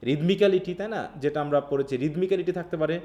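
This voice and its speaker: A man leads a live online class, reading from a text and then explaining it. His voice is mellow and dark, pitched a little high for a man. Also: rapid-fire, dull audio. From Bangladesh. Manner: reads English lines from a text, then explains them in Bengali. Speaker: English literature teacher.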